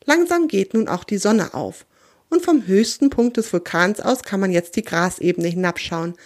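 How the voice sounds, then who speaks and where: A woman reading a children's story aloud in a gentle, expressive way. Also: mid-range voice, moderate pace.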